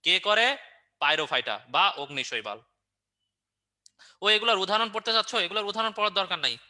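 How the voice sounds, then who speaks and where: A man runs an online review class, firing quick questions at his students and answering them himself with jokey memory tricks. His voice sits fairly high and sounds very bright and sharp. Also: expressive. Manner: playful and joking. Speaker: online biology teacher.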